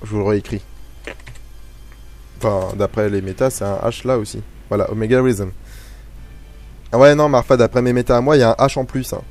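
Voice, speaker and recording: This web radio host talks fast with frequent pauses, in a medium-pitched, darkish voice with fairly even intonation. His casual live show is rambling and self-deprecating, full of hesitations, and he speaks into a studio mic over a faint music bed.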